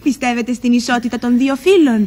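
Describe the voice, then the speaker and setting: A woman's voice: on the high side, a little mellow, lightly acted. A woman playing a vain, prim TV presenter. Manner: prim and self-important. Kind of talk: sitcom acting.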